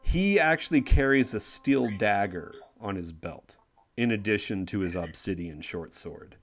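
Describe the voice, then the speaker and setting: A man's voice: lowish voice, lively intonation, measured pace, faint music behind. Man, game master, tabletop narration, rambling, casual. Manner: rambling, full of fillers and restarts.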